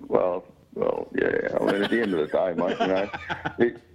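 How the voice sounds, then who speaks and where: A man's voice: low-pitched, huge pitch swings, normal speed, vocal fry, a little mellow, breathy edge. An Australian man chatting casually as a podcast guest, joking and swearing, his voice affected by flu and too much talking. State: sick with flu, voice strained from overtalking. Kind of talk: casual chat.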